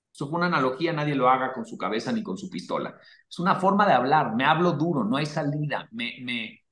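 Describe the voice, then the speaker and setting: A man giving blunt, profane motivational advice to a caller, forceful and animated. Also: medium pitch, reverberant. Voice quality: crude, swearing, forceful and animated.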